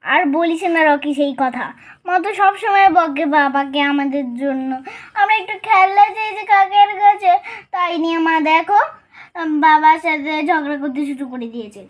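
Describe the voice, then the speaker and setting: Sulky big-sister kid, really high girly voice, grumbly. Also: moderate pace. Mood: complaining. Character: moody older sister, a young girl. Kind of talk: doll story voice acting.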